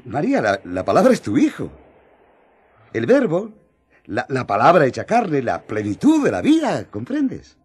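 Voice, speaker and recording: An actor playing John the apostle, an earnest, excitable man who speaks emphatically and coaxingly in a radio drama. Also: mid-range voice, breathy edge, heavily acted. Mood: eager, fervent. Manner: emphatic, halting with eagerness, coaxing. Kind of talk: radio drama acting in colloquial Spanish.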